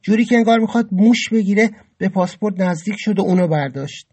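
A man's voice: high voice, a little mellow, breathy edge. A man narrating his own story in the first person in an emotive, dramatic way. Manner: emotive, dramatic, rising with anger.

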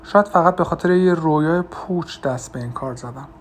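A man voicing a troubled, unsure mother who answers in quick, shaky, hesitant lines in an audiobook. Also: on the high side, a little hiss or hum, pitched above the performer's own voice, close to an everyday voice. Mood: anxious.

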